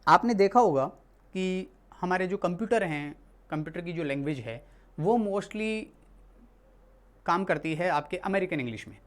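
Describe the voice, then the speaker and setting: Teacher from India, mid-pitched, talks through a lesson patiently, restating and correcting as they go. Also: lively intonation, moderate pace, pauses often. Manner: explains patiently, repeats and corrects itself often. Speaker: English teacher. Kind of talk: classroom lesson explained in Hindi.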